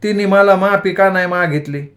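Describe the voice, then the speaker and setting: A man voicing a wounded young village son in a storybook reading, his lines sitting a little high. He pleads plaintively and sounds hurt. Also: moderate pace, fairly bright tone. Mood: hurt, pleading.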